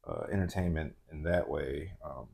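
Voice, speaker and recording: A man's voice: very deep voice, expressive, normal speed, vocal fry, darkish tone, husky. A man from Atlanta, a guest on an interview show, talking in a laid-back way full of "um" and "you know". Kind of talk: casual interview chat.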